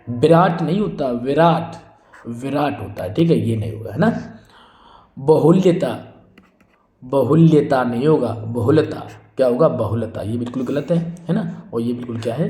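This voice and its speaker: A man's voice: medium pitch, dark tone, echoey room. A man teaching Hindi spelling for exam prep, repeating each word, asking a question and answering it himself, and calling his students friends. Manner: repetitive drilling, asks then answers his own questions; addresses students as friends and brother.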